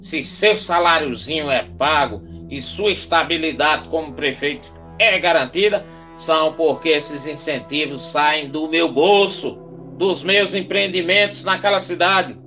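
A man acts out an all-powerful backland boss in a radio drama, furious and scolding. His voice is fairly high for a man, with faint music underneath. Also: unhurried, bright, forceful tone. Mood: angry, domineering. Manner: imperious, scolding. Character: furious, domineering rural landowner major, an all-powerful boss. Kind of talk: radio play acting.

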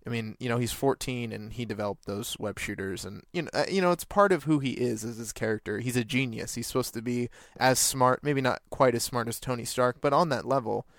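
A man's voice: medium pitch, fairly quick, few pauses, fairly bright tone, no echo, clean studio sound. A man co-hosting a casual movie discussion, giving plain-spoken opinions. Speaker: podcast co-host.

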